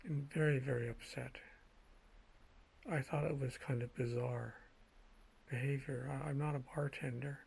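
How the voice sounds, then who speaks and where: Husky, gravelly man telling personal stories. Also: mid-range voice, fairly even intonation, normal speed, long pauses, darkish tone, low-quality recording. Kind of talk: slow casual monologue, anecdotes.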